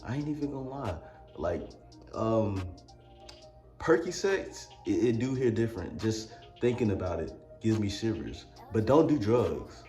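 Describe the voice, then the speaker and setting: A man with a Mississippi drawl rambles through a comedic album review, tossing in crude jokes. His voice sits fairly low and rings in a roomy, echoey space. Faint music plays behind him. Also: sing-song, measured pace, mellow. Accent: Mississippi Southern US. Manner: rambling, crude joking asides.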